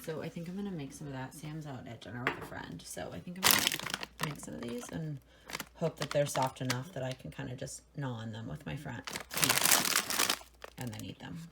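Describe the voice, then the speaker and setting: A woman's voice: extremely low pitch, normal speed, gravelly, very noisy. An American woman talking casually to her vlog audience in an informal, rambling way, often correcting herself as she goes. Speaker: vlogger. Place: indoors at home.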